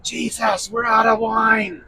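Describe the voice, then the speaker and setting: A tipsy, pushy mother at a wedding party, played by a man telling a story. She wheedles and grumbles in exasperation, her voice high and bright with a gravelly rasp. It all comes across as a loose, comic retelling. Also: steady tone, slow, distant mic, slight background noise, exaggerated voice, low-quality recording. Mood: pleading.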